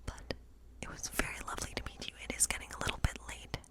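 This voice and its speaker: Playing a kind witch who reads tarot cards in a cottage in the woods, a woman delivers ASMR role play in a soft, breathy whisper. Her manner is gentle and slow, full of soothing reassurance.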